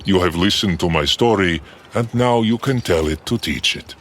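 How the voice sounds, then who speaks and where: A man voicing a scheming Boryot outlaw who talks smoothly and slyly in a slow drawl. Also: deep voice, a bit bright.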